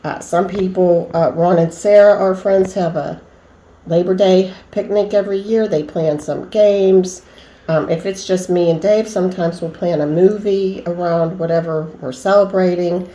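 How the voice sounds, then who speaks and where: A woman's voice: lowish voice, steady tone, normal speed, mellow, roomy sound, low-quality recording. A middle-aged woman vlogger chatting at home in a folksy, homey way about entertaining. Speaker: lifestyle vlogger. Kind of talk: casual home chat.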